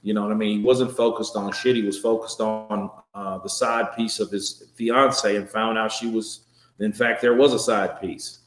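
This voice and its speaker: Hosting a live boxing stream, a man with a lowish voice works through viewer comments in loose, joking talk full of swearing and restarts. His tone stays steady at a moderate pace, and the audio has a roomy echo.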